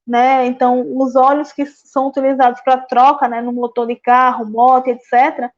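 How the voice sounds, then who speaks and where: A woman giving a slide presentation at a public event, with many filler words and halting restarts. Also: high-pitched, level tone. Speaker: guest speaker on waste management. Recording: dull lo-fi sound.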